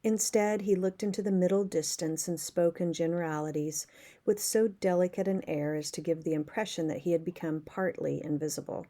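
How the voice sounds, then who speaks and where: A woman reading a novel aloud, pausing now and then to explain words and events in plain terms. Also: on the low side, dark tone. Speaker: audiobook reader.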